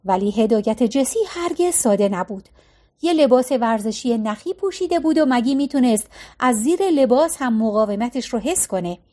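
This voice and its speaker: Narrator: woman, high voice, calm and measured storytelling. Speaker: audiobook narrator.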